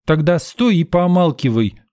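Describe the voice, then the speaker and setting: A man's voice: on the high side, lively intonation, moderate pace, warm tone, pitched above the performer's own voice, close to an everyday voice. A man voicing a brusque middle-aged woman street vendor in an audiobook, curt and grumbling. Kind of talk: audiobook character voice.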